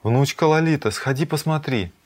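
A man doing an excitable old grandmother. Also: on the high side, moderate pace, pitched above the performer's own voice, lightly acted. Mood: excited.

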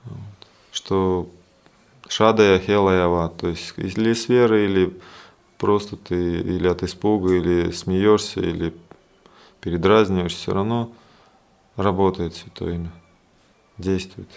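A man with a deep, low voice leads a scripture study class. He explains loosely and conversationally, circling back with fillers and asides as he goes. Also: steady tone, a little slow, gravelly, long pauses, a little mellow, clean tone.

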